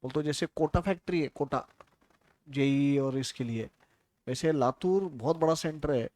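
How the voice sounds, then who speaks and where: A man's voice: fairly high pitch, normal speed, a little mellow, dry recording. A man from India giving a casual, chatty classroom lecture, telling stories and asking his students questions.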